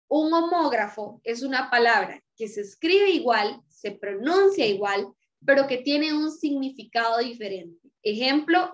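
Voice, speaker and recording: High-voiced woman teaching. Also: a bit bright. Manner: patient explanatory teaching, frequent "¿verdad?" checks. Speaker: Spanish teacher. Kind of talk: recorded class lecture.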